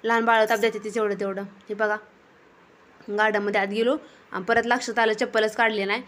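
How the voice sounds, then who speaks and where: A woman's voice: mid-range voice, flat delivery, a little fast, a bit bright. A young woman, casually narrating a family vlog outdoors in a garden, chatty and scolding her children now and then. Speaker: vlogger and mother.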